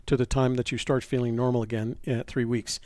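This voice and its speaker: A stuffy older American man from New Mexico, still getting over a cold, hosts a live stream and rambles through casual chat. His mid-range, mellow voice is flat and halting, often pausing mid-thought, and the sound is dry and close with no room echo.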